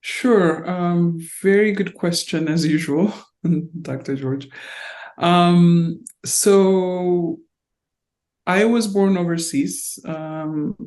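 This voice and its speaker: A middle-aged woman born in Ethiopia and raised in North Carolina, a diplomat recalling her life in an oral history interview, halting and reflective with many fillers. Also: fairly low pitch, darkish tone.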